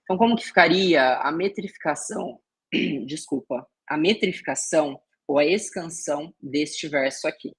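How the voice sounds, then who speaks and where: A man's voice: a little high, moderate pace, slightly rough. A man with a Brazilian Portuguese accent, teaching a literature class and explaining step by step, often checking in with his students. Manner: explanatory, peppered with "né" and "tá" check-ins. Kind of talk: recorded exam-prep class.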